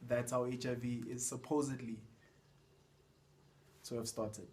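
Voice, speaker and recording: A man's voice: medium pitch, flat delivery, measured pace, a little mellow. A young South African man chatting casually with friends, joking and matter-of-fact. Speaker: friend of the vlogger. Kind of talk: casual chat.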